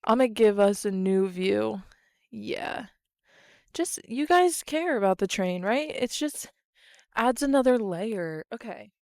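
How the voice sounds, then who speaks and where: Chatty young woman with a smooth voice. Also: medium pitch, lively intonation, slow, darkish tone, no room sound, clean studio sound. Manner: chatty and self-mocking, laughs between phrases. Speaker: podcast host. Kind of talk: casual solo chat outdoors. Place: outdoors in the cold by a train line. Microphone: camera close up.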